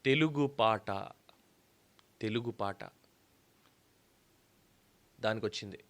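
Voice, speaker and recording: A man's voice: fairly low pitch, slow pace. A man delivering an opinion commentary, arguing emphatically with rhetorical questions. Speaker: political commentator.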